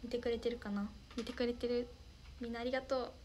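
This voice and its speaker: A woman's voice: a little high, little pitch movement, quick pace, a little mellow, slight background noise. A young woman hosting a casual livestream, reading viewer comments aloud in a bubbly, polite way and thanking them often. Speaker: idol livestream host.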